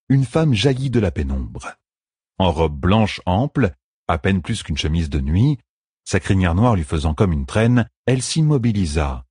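A man reading a fantasy audiobook in a measured, expressive way. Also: low-pitched, slightly rough, dry recording, studio quality. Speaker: audiobook narrator. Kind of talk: scripted fantasy narration.

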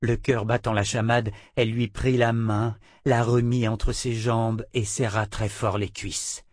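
A man with a mid-range voice reads an audiobook, keeping his storytelling steady and even. The studio sound is clean, with no echo.

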